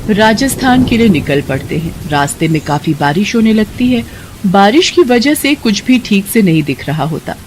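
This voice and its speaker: Even-toned woman narrating a story. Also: medium pitch, normal speed, slight background noise.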